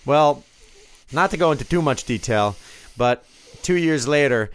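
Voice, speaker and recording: Clear-voiced man telling casual stories. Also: fairly high pitch, lively intonation, measured pace. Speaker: podcast co-host. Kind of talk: casual chat, storytelling.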